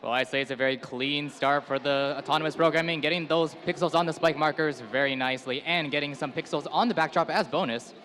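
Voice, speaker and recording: A man's voice: a little high, fairly even intonation, quick pace, hardly any pauses, a bit bright. A man co-commentating a live competition as a hype announcer, trading calls with his partner.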